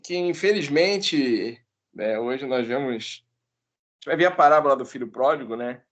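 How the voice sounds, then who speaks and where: A man's voice: mid-range voice, expressive, normal speed. A man in a prayer group who preaches informally, earnest and exhorting, with tag questions.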